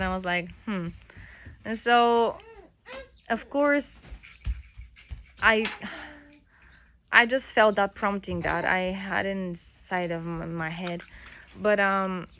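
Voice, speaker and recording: A young mother with a first language other than English, telling a story at home in a casual vlog, halting, with fillers and restarts. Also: fairly low pitch, a bit bright, a little hiss or hum. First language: not English. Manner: chatty, halting, with many fillers and restarts, breaks off to coo at her baby. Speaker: mother and vlogger.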